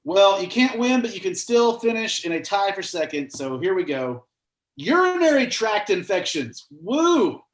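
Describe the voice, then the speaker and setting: A man's voice: sits high, very animated, moderate pace. A man hosting a casual online trivia night, chatty and joking as he reads out the questions. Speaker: trivia host. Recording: roomy echo.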